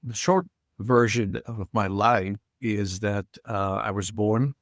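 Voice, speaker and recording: In casual interview talk on a podcast, a middle-aged Israeli guest speaks slowly in a lowish voice, frequently pausing to hesitate and filling gaps with filler sounds. It is a dry recording of studio quality.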